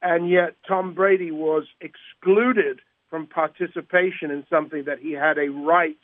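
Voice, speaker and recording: A man speaks as a caller on a live radio show. His voice sits a little high, and he tells things in an animated, repetitive way. The phone line makes him sound muffled and narrow. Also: unhurried, no echo. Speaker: radio show guest calling in.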